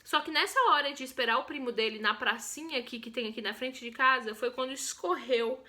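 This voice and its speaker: Her voice is high and her pace a little quick as this young Brazilian woman describes the day she was born. She has a Brazilian Portuguese accent, and the vlog feels chatty and full of expression.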